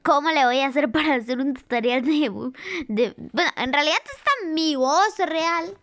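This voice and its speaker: A YouTuber in a put-on cartoonish character voice gives excited reaction commentary, repeating exclamations while watching and chatting with the audience. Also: high-pitched, normal speed. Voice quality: a put-on cartoonish character voice, not the speaker's real one. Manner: chatty with the audience, laughs at own slips. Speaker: YouTuber reacting to an animated series.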